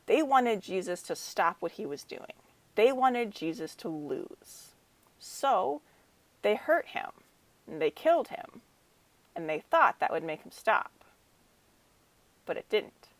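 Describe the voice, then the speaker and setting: A young woman, a children's minister, telling a lively story to children in a chapel talk. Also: medium pitch, takes it slowly, pauses often, no echo.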